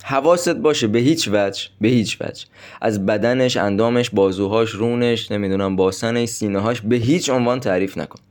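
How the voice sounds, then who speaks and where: A man with a fairly low voice runs through numbered dating tips like a coach. He talks directly and casually to his listeners, as if to friends. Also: a little mellow. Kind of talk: instructional monologue with numbered tips.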